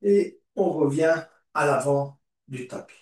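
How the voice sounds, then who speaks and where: A man teaching a morning yoga class, giving calm, encouraging cues and repeating them slowly. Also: on the high side. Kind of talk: guided yoga class instruction. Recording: echoey room, voice far from mic.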